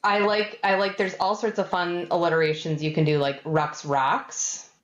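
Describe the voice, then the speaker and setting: A woman's voice: fairly low pitch, little pitch movement, normal speed, a little hiss or hum. A woman in her thirties, a company executive guest chatting casually over a video call. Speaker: guest, software company CEO. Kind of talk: casual chat. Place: home room with bookshelves. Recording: slightly dull, roomy video call.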